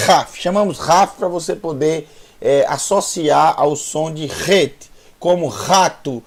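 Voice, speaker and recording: A man with a Brazilian Portuguese accent teaching a Hebrew lesson online, drilling sounds slowly and repeating them. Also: fairly high pitch. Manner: slow, repetitive drilling of sounds, with restarts.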